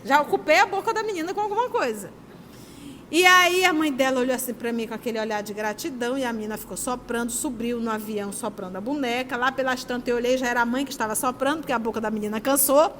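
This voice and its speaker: A woman leads a spiritist study group, teaching emphatically with lively personal anecdotes. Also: a little high, fast, in a large hall, a little hiss or hum. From Manaus, Brazil. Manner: animated, emphatic, storytelling.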